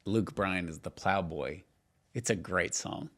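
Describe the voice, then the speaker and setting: A middle-aged man co-hosts a podcast, swapping stories and teasing in casual, emphatic banter full of filler words. His voice is low-pitched and fairly bright, at a measured pace.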